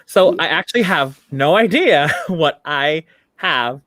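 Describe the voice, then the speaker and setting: Brief: young drag queen host, lively swooping delivery, unhurried, chatty and gushing, dry close sound. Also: fairly high pitch, no room sound. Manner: chatty, gushing, laughs often. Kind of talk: casual chat on a live show.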